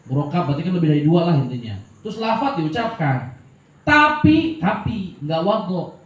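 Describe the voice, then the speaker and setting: A man's voice: fairly high pitch, very animated, moderate pace, fairly bright tone. A man, teaching grammar from a classical text in a casual way that asks and answers his own questions. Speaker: religious teacher. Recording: echoey, dull room recording.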